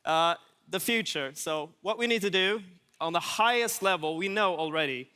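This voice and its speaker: At a moderate pace, a man from Sweden addresses a conference in a high, clean, smooth voice that comes across pushed and bright. There's a casual dryness to his delivery, and the hall's reverb lingers long.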